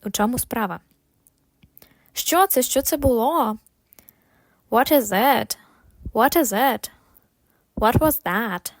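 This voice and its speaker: A woman teaching English phrases, saying each one slowly and clearly, then repeating it with expressive intonation. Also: fairly high pitch, no echo. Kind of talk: slow phrase drills with Ukrainian translations.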